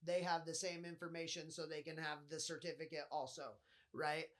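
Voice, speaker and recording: Brief: fairly high-voiced nasal man, loose profane podcast monologue. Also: level tone, normal speed, fairly bright tone. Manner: rambling, swears often. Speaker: podcast host. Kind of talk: casual solo podcast monologue.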